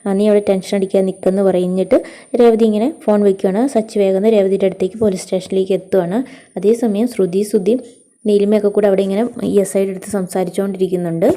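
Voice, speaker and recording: Fast-talking woman, dark and level. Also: mid-range voice, steady tone. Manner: rambling retelling with frequent fillers and self-corrections. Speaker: serial episode recapper. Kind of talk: casual spoken recap of a TV serial episode.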